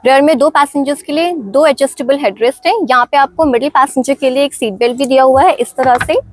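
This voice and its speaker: A woman's voice: high-pitched, quick pace, dry recording, poor audio. A woman with an Indian accent narrating a walk-around car review, mixing English phrases in and explaining each feature in turn. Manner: mixes Hindi with English phrases.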